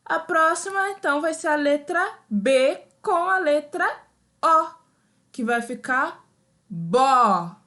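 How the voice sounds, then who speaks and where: A woman's voice: very high-pitched, slow, pushed and bright. A woman teaching an adult literacy lesson over slides, patiently sounding out and repeating syllables for her learners.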